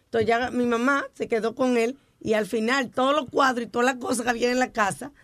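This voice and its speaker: A man's voice: very high-pitched, steady tone, a little fast, fairly bright tone, dry recording, studio quality. A man in a casual group chat, recounting a family story.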